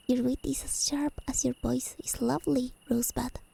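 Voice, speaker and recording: A woman plays a haughty fae lady of the high realms in a full character voice that is high and mellow with a creaky edge. Her phrasing is elegant and formal, her manner teasing and possessive, and her mood amused. It is soft-spoken ASMR roleplay with crickets chirping in the background.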